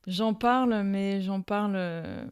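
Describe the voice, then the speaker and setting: A woman's voice: mid-range voice, takes it slowly, a little mellow, clean tone, no echo. A woman from Alsace, France, guest in an interview, talking casually and hesitantly with many fillers and restarts. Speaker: guest, violist and speech therapist.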